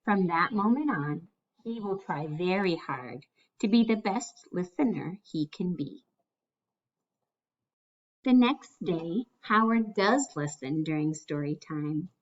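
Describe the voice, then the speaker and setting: Here a woman with a lowish voice tells a children's picture book story aloud in a deliberate, expressive way, and the highs in the recording have been cut off.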